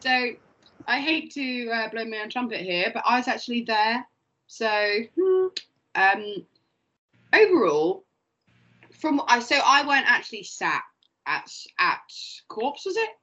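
A woman co-hosting a casual podcast, jokey and quick to laugh. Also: on the high side, animated, sharp tone. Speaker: podcast co-host. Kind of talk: casual chat. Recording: dull lo-fi podcast audio.

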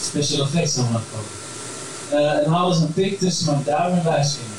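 Guy telling a crude funny story live, kinda high voice, super roomy echo. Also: animated, normal speed. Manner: frank, crude and wryly humorous. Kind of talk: first-person spoken storytelling. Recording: very echoey room, mic far off, clear background noise.

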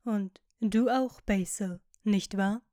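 A woman voicing a witty, cynical aristocratic gentleman who talks in ironic, lecturing tones. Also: mid-range voice, takes it slowly, dry recording, clean studio sound, lightly acted.

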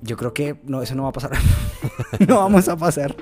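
Male co-host, mid-pitched, self-mocking, laughs easily, soft music bed. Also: expressive, normal speed. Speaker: podcast co-host. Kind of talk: casual chat.

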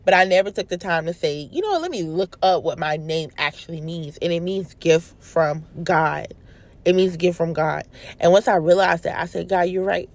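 A young woman hosting a casual devotional talk, stumbling over her words at times and growing animated as she preaches. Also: fairly low pitch. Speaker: prayer video host.

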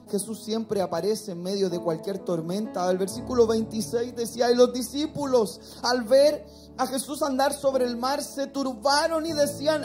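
Woman, high pitch, church sermon, calls to the congregation, faint music underneath. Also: mellow. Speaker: preacher.

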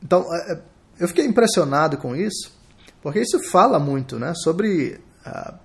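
A man with a Brazilian Portuguese accent hosting a live podcast, thinking aloud in a reflective, halting way. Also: on the high side. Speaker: podcast host.

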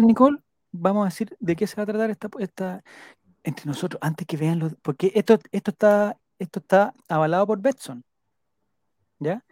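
Speaking casually with a Chilean accent, this live stream host reads viewer comments aloud and slowly repeats names back as he jots them down, rambling playfully and joking along the way. His voice sits at medium pitch with a darkish tone, and the sound is dry and close with no echo.

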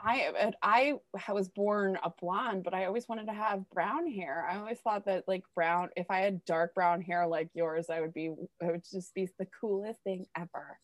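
A woman's voice: medium pitch, fairly even intonation, moderate pace, hardly any pauses, no echo. A woman in her thirties co-hosting a podcast over a video call, chatting casually with lots of fillers and giggles. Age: 30s. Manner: giggly, rambling with many fillers. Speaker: podcast co-host. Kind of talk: casual chat. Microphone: home mic on video call.

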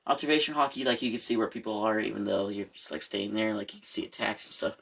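A man's voice: fairly low pitch, fast, gravelly, fairly bright tone, slightly rough. A young man in casual chat, laid-back and teasing, rambling when he explains things.

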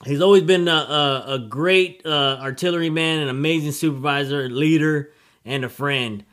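A middle-aged man hosting a casual podcast interview, friendly and halting with many fillers. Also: fairly high pitch, fairly bright tone. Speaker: podcast host.

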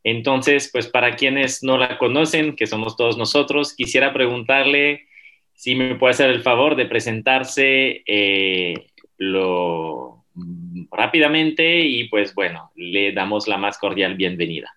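A man's voice: medium pitch, measured pace, pushed and bright. A man, a university professor, interviewing a guest in a courteous, formal tone with a few fillers. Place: Monterrey, Mexico.

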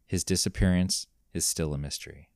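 Deep-voiced man narrating a grim mystery. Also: steady tone, vocal fry, a little mellow, no room sound, studio quality. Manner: measured, grave storytelling.

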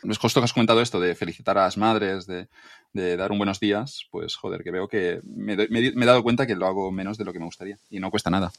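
Castilian-male host, low-ish, rapid eager delivery, dry close mic. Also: gravelly, no room sound. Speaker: podcast host. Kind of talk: casual conversation.

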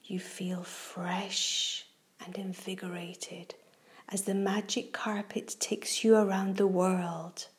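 Slow, half-whispering woman guiding children's meditation. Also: mid-range voice, level tone. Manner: soft, breathy, half-whispered, gentle delivery; slow, deliberate, soothing phrasing. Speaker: host of a children's relaxation show. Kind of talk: guided meditation for children, read from a book.

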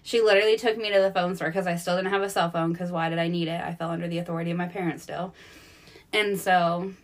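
A woman guest on a podcast, telling personal stories in an animated way and laughing often, in a candid casual chat. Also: on the low side, fast.

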